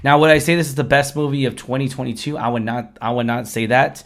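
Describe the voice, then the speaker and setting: A man with a hoarse, worn-out voice hosting a casual film review chat, effusive and repeating himself. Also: mid-range voice, fairly even intonation, quick pace. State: hoarse, lost his voice after singing at a concert. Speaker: host of a movie review show.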